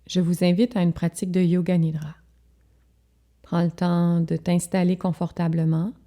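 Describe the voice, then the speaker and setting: Speaking in a lowish, soothing voice, a yoga teacher leads guided relaxation. Her phrases are brief and measured, with pauses between them.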